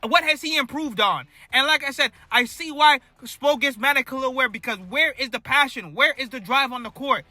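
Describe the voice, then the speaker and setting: A man in a heated fan rant, firing off repeated rhetorical questions and swinging between shouting and muttering. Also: very high-pitched, moderate pace, few pauses, no room sound. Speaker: basketball fan commentator.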